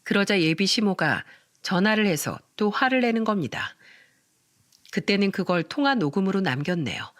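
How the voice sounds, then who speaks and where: A woman's voice: mid-range voice, expressive, moderate pace, no echo, clean studio sound. A woman narrating a scripted first-person story with emotional retelling.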